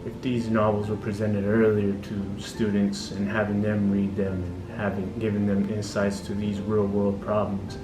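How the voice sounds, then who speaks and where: Hesitant young man, low flat voice. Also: moderate pace, hardly any pauses, recorded from a distance. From Central Valley, California. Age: young adult. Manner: hesitant, with frequent ums. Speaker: community college student giving a testimonial. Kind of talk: unscripted testimonial. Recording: roomy, off-mic, music underneath.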